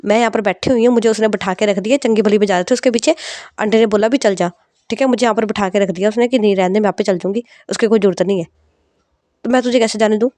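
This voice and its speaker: A woman's voice: medium pitch, quick pace, mellow, no echo, lightly acted. Woman voicing snappy jealous girl Sifat. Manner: snappy, sulky scolding. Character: young woman, jealous and hot-tempered.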